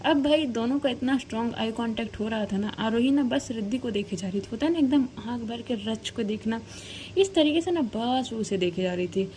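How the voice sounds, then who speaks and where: A woman's voice: fairly high pitch, a little fast, a little mellow, a little hiss or hum. A woman narrating a story casually, chatty and slangy, talking to the listener like a friend.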